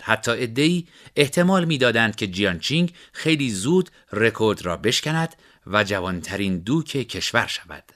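A man narrating a story in a steady, measured way. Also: mid-range voice.

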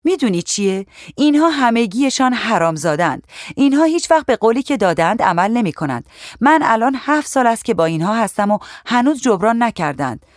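A woman's voice: on the high side, sing-song, dry recording, clean studio sound, pitched above the performer's own voice. A reader voicing a blunt, talkative young policewoman who complains outspokenly, in an audiobook. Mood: griping. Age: young adult. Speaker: police officer.

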